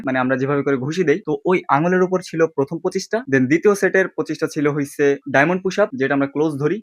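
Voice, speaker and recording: Very fast-talking man, casual fitness vlogger. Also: a little high, no room sound. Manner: informal, addresses viewers directly.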